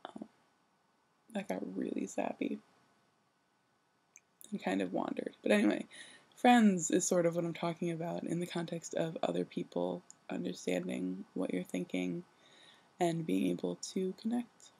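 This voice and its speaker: In her laid-back vlog, a young woman who has only just woken up talks to the camera, meandering haltingly and poking fun at herself. The voice is lowish, husky and creaky, mellow, with a flat delivery.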